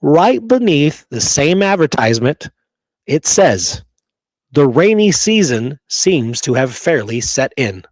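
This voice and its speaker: A very animated podcast co-host speaks slowly in a fairly high voice, keeping the casual conversation emphatic and sprinkling in rhetorical check-ins like "right?" and "okay?". There's no room sound, though the recording is rough.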